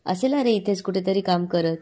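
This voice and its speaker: A woman's voice: mid-range voice, fairly quick, warm tone, natural voice. A woman voicing a concerned young woman of the household asking questions.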